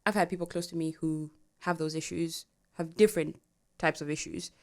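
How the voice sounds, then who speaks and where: A woman co-hosting a podcast in casual chat, animated and laughing often as she talks. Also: low voice, moderate pace. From Africa. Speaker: podcast co-host.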